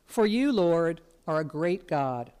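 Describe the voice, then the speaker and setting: A woman serving as lector, giving a formal scripture reading in a church in a measured, even way. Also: on the low side, clean tone.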